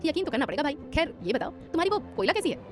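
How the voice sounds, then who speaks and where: A woman's voice: medium pitch, animated, very fast, lightly acted. A woman voicing a teasing younger brother. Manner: mischievous, joking. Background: background music.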